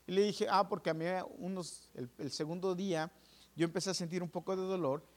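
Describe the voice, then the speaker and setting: A pastor gives his testimony from the pulpit, slightly higher-pitched than most men. He tells it with lively swings, acting out the doctors and nurses and turning to his listeners as brothers. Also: brisk. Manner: animated storytelling, addresses listeners as brothers; acts out dialogue with doctors and nurses. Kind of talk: sermon testimony.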